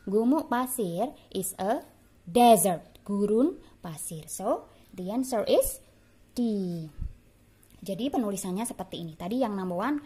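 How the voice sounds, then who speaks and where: A woman's voice: mid-range voice, lively intonation, a little slow, warm tone, slightly rough. A woman teacher with an Indonesian accent giving a bilingual English lesson to young pupils, repeating words for them to copy and calling them dear. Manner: affectionate, calls pupils dear. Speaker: primary school English teacher.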